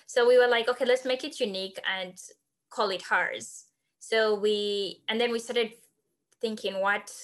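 A woman in her twenties from Zambia, a podcast guest earnestly telling the story of founding her organization. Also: mid-range voice. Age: 20s. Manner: earnest, animated when recounting. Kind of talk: podcast interview, personal storytelling.

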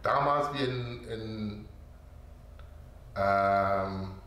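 A man who is not a native German speaker, slowly telling a personal story in broken German as an interview guest, full of pauses and quoted dialogue. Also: lowish voice, fairly bright tone. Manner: slow, hesitant, with many fillers and quoted dialogue. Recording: very echoey room with faint background noise.

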